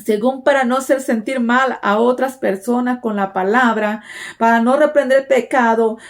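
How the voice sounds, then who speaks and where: A woman's voice: on the high side, steady tone, moderate pace. A woman preaching a sermon in an earnest, exhorting way, often asking her listeners "right?" and repeating her phrases. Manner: repeats "¿verdad?" and "déjenme decirle" as fillers.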